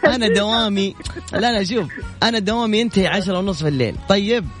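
A man hosting a radio call-in quiz, teasing and affectionate with his callers in lively banter. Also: high voice, quick pace, soft background music.

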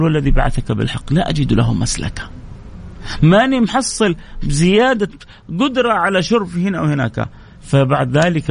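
A man, hosting a religious radio show and telling stories with lively, dramatic rises in his voice. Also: mid-range voice, vocal fry, slight background noise. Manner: animated storyteller, voice leaps up for dramatic moments. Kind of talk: religious storytelling talk.

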